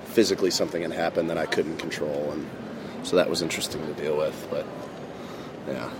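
College athlete, 20s, deep and relaxed, filler-heavy chat recorded outside with clear traffic noise. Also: male voice, fairly quick. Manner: loose and chatty, full of fillers. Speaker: college football player. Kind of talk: casual interview talk. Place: outdoors at a campus table.

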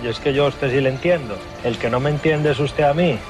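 A man's voice: medium pitch, music in the background, natural voice. A man playing a short-tempered, bossy club owner on a radio prank call, blustering and scolding. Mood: threatening. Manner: blustering, scolding, rapid-fire. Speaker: prank caller.

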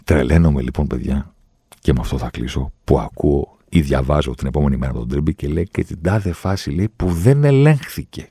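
A man's voice: rumbling low, warm tone, slightly rough, dry recording, studio quality. A man explaining football refereeing rules in an opinionated monologue, insistent and given to acting out what others say. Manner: explains rules insistently, acts out quoted voices. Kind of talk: opinionated talk-show monologue.

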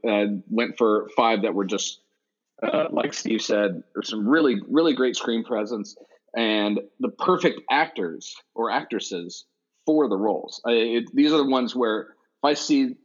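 A man co-hosting a casual movie podcast, rambling with restarts and fillers, often laughing. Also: on the low side. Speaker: podcast co-host. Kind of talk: casual movie-list chat. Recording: dull lo-fi recording.

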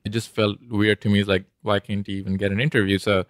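A man's voice: fairly low pitch, level tone, fast, no echo, studio quality. A man from India with an Indian accent, an interview guest and startup founder explaining things in an informal, conversational way.

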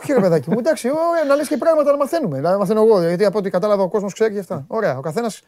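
A man's voice: high-pitched, animated, a little mellow. A man with a Greek accent hosting a casual sports talk show, chatty and full of questions. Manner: chatty, questioning, interjects often. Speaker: podcast host.

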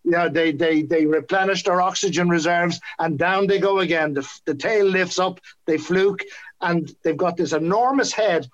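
High-voiced Irish man explaining. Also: highs cut off. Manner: halting, repeats words as he explains. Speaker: guest expert on whales and dolphins. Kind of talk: conversational explaining in a podcast interview.

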